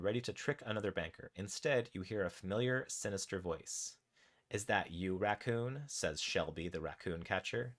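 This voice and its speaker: A man's voice: sits low, fairly bright tone. A man streaming live, reading his interactive fiction story aloud in a laid-back way, with casual asides about the poll results. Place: home streaming setup.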